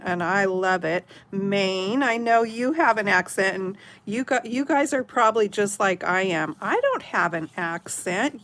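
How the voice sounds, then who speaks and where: This craft channel host, a middle-aged woman from Oregon in the USA, talks with her live audience in a relaxed, rambling way, giggling a lot. She speaks at a medium pitch with a fairly bright tone.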